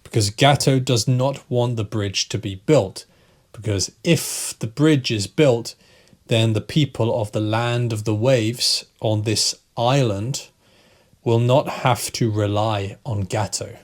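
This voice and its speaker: A man teaching English, retelling a story slowly for learners, repeating key phrases and checking in with "right?". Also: mid-range voice. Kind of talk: slow retelling for language learners.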